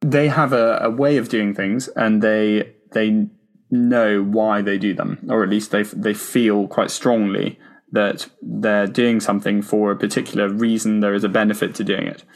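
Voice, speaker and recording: A man's voice: lowish voice, fairly even intonation, normal speed. A man hosting a podcast in a conversational style, tentatively working his way around each point. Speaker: podcast host.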